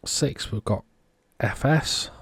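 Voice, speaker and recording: A man giving casual, unhurried technical commentary, thinking aloud as he inspects a circuit board. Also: medium pitch, gravelly, breathy edge, dry recording. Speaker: electronics repair vlogger.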